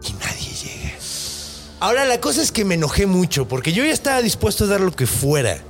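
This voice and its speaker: Animated, high-voiced Mexican man. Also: soft background music. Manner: animated, slangy, quick to laugh. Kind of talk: casual podcast storytelling.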